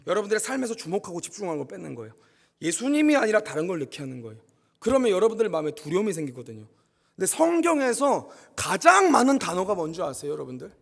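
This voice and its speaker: A man preaching a sermon in a church, telling a personal story in an animated way and speaking straight to the congregation. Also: sits high, quick pace, gravelly, big-room sound. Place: church sanctuary.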